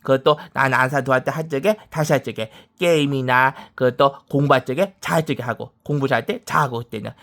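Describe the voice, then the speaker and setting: A man's voice: medium pitch, fast, creaky, hardly any pauses, fairly bright tone. A man in his thirties speaks in a rambling personal monologue, repeating the same short phrases again and again as he talks. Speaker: vlogger.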